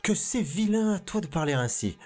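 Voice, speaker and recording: A man voicing bold, teasing young women at a feast, shrill and mock-indignant. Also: animated, moderate pace, a little mellow, soft background music. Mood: scolding.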